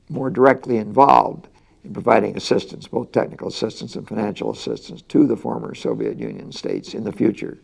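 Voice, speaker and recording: Older male interviewee, deliberate and pausing for words, mellow, heavy vocal fry. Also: medium pitch. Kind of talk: measured interview answers.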